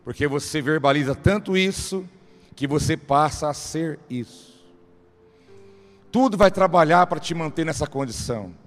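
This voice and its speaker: A man's voice: on the high side, moderate pace. A man with a Brazilian Portuguese accent giving an emphatic motivational sermon, speaking straight to his listeners. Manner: emphatic, addresses listeners directly. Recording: reverberant hall.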